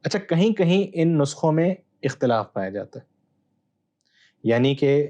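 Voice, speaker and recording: A man, a Bible scholar guest, explaining texts in a measured, teacherly way with hesitant pauses. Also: a little high, very animated, mellow, lo-fi sound. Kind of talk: explanatory interview answer.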